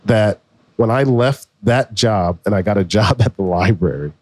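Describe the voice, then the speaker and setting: A man in his forties, a podcast co-host, telling his story in a relaxed, slangy way. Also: on the low side, moderate pace, no echo. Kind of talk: casual conversation.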